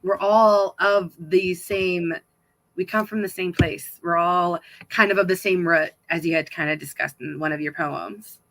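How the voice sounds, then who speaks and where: A woman's voice: on the low side, steady tone, measured pace, background noise. A woman hosting a livestream book talk, asking casual, thoughtful questions and hedging with fillers. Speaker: interviewer, host.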